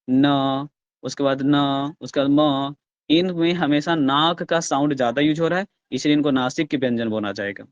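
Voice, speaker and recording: In an online class lecture, a Hindi grammar teacher sounds out letters slowly and loudly. His male voice is a little high, with no echo and lo-fi sound quality. He explains step by step, asking the class questions and then answering them himself.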